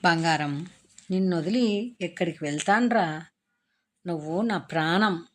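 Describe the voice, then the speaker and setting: Here the same Telugu story is read by a woman with a lowish, natural voice at an unhurried pace, and a slight hiss or hum sits under it. She plays the contrite, affectionate boyfriend calming his tearful partner, sounding apologetic and tender throughout.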